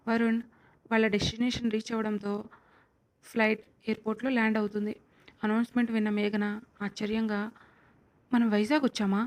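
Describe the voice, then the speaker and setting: Woman narrating a story in an even voice. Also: on the high side, fast talker, long pauses. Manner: steady, even reading. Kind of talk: read-aloud story narration.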